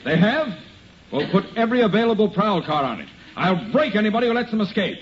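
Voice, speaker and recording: An actor with an American accent playing a dignified, exasperated town mayor with dry sarcasm in 1950s radio comedy. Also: male voice, high voice, sing-song, fast talker. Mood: officious. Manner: dry sarcasm, clipped official air. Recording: dull old radio recording with hiss.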